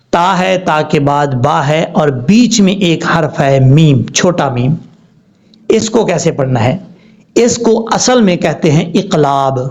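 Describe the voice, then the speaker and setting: A man teaching Quran recitation rules with a Pakistani Urdu accent, spelling out words slowly, letter by letter. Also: on the high side, darkish tone. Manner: slow, deliberate letter-by-letter spelling. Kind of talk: spelling-out tajweed lesson. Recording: dull lo-fi recording.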